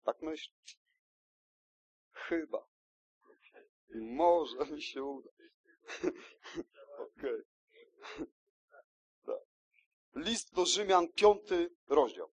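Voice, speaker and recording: Male preacher, raised pitch, husky tone, emphatic and repetitive delivery. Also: animated, drawn-out words, long pauses, highs cut off. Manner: emphatic, repeats key words, checks in with listeners. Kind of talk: sermon.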